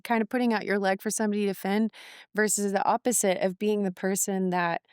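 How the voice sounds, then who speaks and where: Woman, middle-aged, podcast co-host, casual faith chat, smooth voice, dry sound, laughs often. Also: medium pitch, fairly quick, no echo. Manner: animated, laughing, playful asides.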